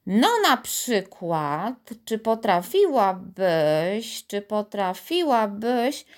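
A woman's voice: on the high side, big pitch swings, measured pace. A woman voicing a skeptical, stubborn young boy who mocks and gets riled easily. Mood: agitated.

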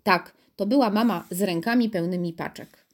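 Woman narrator, children's audiobook, steady storyteller, mid-pitched voice. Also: normal speed.

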